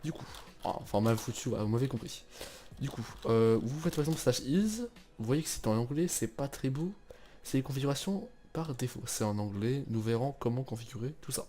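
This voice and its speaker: A young man hosting a casual game server tutorial, chatty and relaxed, with many fillers and restarts. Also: mid-range voice, brisk. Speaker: tutorial host.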